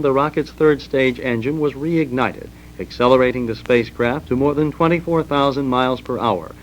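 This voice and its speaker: A man's voice: medium pitch, a little hiss or hum. Formal American male narrator, dull vintage recording. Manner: formal, measured announcing. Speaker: documentary narrator. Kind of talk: scripted historical narration.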